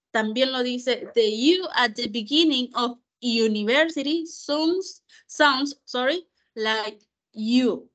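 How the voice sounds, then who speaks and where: Slow-speaking Spanish-speaking woman teacher. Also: fairly high pitch, a bit bright. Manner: slow, careful, repeats words to model pronunciation. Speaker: English teacher. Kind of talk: online class explanation.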